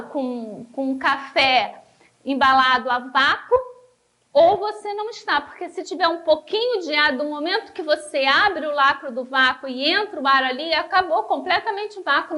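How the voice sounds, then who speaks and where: A woman with a Brazilian Portuguese accent teaching a church Bible lesson, emphatic, slowing down to stress key words and addressing listeners as brothers. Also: high voice, a bit bright.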